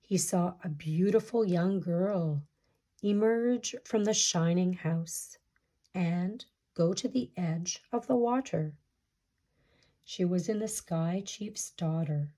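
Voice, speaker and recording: A woman reads a children's folktale aloud as a storyteller. Her voice is fairly low and soft-edged in tone, and she takes her time over each phrase, with a measured delivery meant for listeners. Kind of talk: reading a picture-book folktale aloud.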